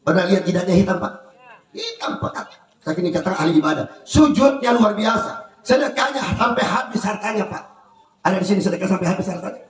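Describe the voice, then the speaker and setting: A man preaching a sermon to a gathering, firing rhetorical questions at the audience and swinging between shouts and quiet storytelling. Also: sits high, fast talker. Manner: animated, shifts between shouting and soft storytelling. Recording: echoey hall, voice from a distance.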